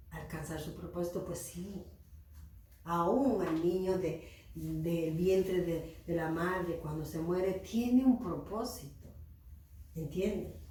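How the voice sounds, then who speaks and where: Slow sing-song woman teaching children. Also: fairly low pitch, dark tone. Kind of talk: storytelling lesson for children. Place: church room. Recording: echoey room, voice from far off.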